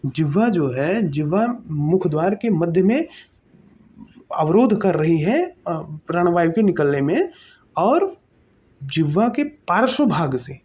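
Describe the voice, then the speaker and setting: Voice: mid-range voice, very animated, slow, a little mellow, breathy edge. A teacher giving an exam-prep grammar lesson, explaining step by step, asking and answering their own questions and checking in often. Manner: repeats terms and checks in often.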